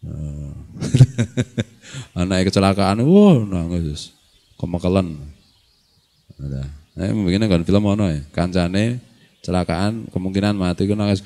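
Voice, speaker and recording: A middle-aged Javanese-accented man leads a relaxed religious study session, his voice sitting fairly low. He teases his listeners and laughs easily, and he slips into Arabic recitation between plain remarks. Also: measured pace, pauses often. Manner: jokey, laughs often, mixes local and Arabic phrases. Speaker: Islamic scholar teaching a study circle. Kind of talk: casual religious lecture.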